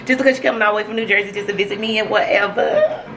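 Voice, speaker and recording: A woman's voice: mid-range voice, fairly even intonation, rapid-fire, fairly bright tone. A young woman chatting casually in a vlog about her day, rambling and upbeat with lots of fillers. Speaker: vlogger. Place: home with a washing machine running. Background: washing machine noise.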